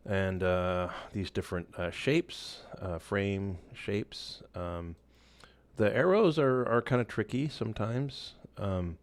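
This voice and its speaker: A man walking through a software tool in a casual screen-share tutorial, loose and relaxed, with many fillers and restarts. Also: on the low side, slow, no room sound. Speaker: instructor.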